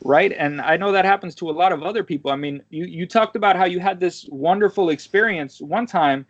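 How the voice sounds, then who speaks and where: A man's voice: high-pitched, fairly quick, dry recording. Young man, dry dull-sounding podcast mic. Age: 20s. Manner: rambling, with frequent "right?" tags and casual swearing. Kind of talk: casual podcast conversation.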